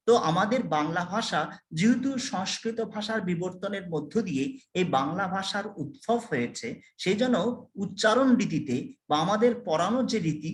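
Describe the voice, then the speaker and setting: A man with a high voice teaches a college class in an echoey classroom. He explains step by step, repeats the key terms and stops to quiz his students. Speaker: college lecturer. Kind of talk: classroom lecture.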